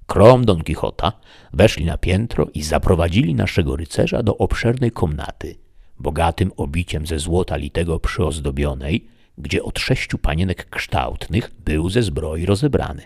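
A man narrates a classic novel in a measured, storytelling voice. His voice is very low, yet its pitch moves in a lively way. The recording is dry and close, with no room sound. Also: creaky, slightly rough, no echo. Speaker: audiobook narrator.

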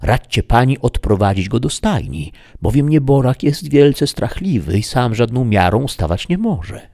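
A man's voice: mid-range voice, big pitch swings, measured pace, darkish tone, voice pushed up. A man doing a folksy, pleading peasant squire. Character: simple, stubborn peasant squire.

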